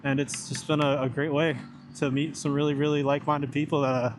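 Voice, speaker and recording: Young guy motovlogging from inside his helmet, kinda higher voice, loose rambly chat, engine and road noise behind. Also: level tone, brisk. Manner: talking inside a motorcycle helmet while riding; informal, meandering, mildly sweary. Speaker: motorcycle vlogger. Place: inside a helmet on a moving motorcycle outdoors.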